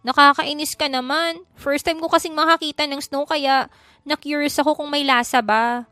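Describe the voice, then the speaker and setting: A woman voicing a shy, easily embarrassed young woman who talks in high, flustered bursts. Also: moderate pace, dry recording, studio quality, faint music behind. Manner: high, excitable, prone to flustered outbursts.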